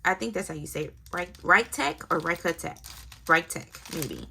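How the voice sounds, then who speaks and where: A woman's voice: low-pitched, sing-song, brisk, creaky, bright, forceful tone, slight background noise. A young woman chatting casually as she fills out her budget planner, thinking aloud and muttering numbers to herself. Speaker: planner vlogger. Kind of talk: casual narrated planner setup.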